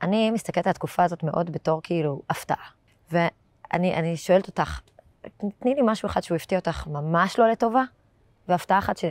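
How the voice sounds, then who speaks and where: A woman's voice: on the low side, no room sound. A woman hosting an interview show, asking her guest probing questions in a casual, conversational way. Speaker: host.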